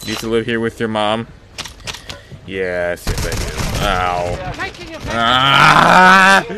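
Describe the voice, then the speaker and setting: A young man streaming a shooter game in a small room at home, joking with chat and breaking into sudden shouts, talking into a headset mic. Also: fairly low pitch, expressive, slow, gravelly, background noise. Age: young adult. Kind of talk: casual live-stream chat while gaming. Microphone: headset, seen on webcam.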